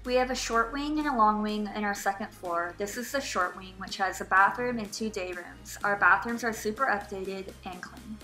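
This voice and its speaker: A woman's voice: medium pitch, normal speed, hardly any pauses, pushed and bright, faint music behind. A young woman giving friendly scripted narration for a house tour.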